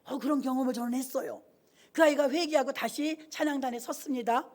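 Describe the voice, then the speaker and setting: A woman's voice: high voice, fairly quick, a little mellow. A woman pastor preaching a sermon in church, telling stories and acting out the dialogue, exhorting the congregation emphatically. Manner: storytelling, acting out quoted dialogue.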